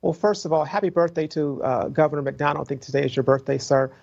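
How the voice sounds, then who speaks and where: A man's voice: fairly high pitch, fast talker, vocal fry, a little mellow, highs cut off. A man, a political commentator, making assertive talking points on a news show. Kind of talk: TV news punditry.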